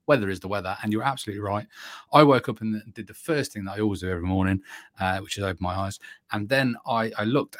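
A man with a fairly low voice co-hosts a casual podcast chat, excitable and jokey, rambling from one thought to the next. He speaks close to a desk microphone in a dry room with no echo. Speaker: podcast co-host. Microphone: desk USB microphone.

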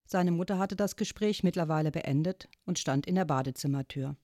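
A woman reading a children's chapter book aloud in a calm storytelling manner. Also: sits low, fairly quick, dry recording, clean studio sound. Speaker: audiobook reader. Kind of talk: scripted story narration.

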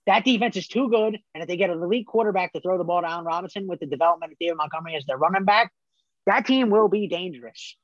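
A man's voice: sits high, rapid-fire, no echo, dull audio. A man co-hosting a sports talk show, emphatic and opinionated, making bold predictions. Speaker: co-host.

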